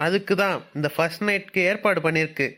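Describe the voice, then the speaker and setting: A woman voicing a calm, teasing young husband who keeps questioning his wife in a cartoon serial. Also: lowish voice, fast talker, natural voice. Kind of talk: Tamil cartoon serial voice acting.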